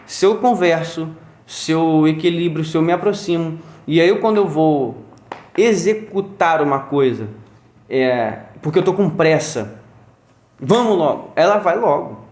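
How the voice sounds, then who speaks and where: A man's voice: a little high, measured pace, darkish tone. A father telling a story in a casual conversation. He acts out sounds and quotes as he goes. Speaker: guest, father. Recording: roomy echo.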